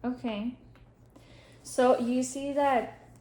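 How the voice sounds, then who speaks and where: A woman whose native language is Spanish takes the counselor role in a practice therapy session, posing gentle questions with lots of ums and pauses. Her voice sits high and stays steady, set against a roomy echo.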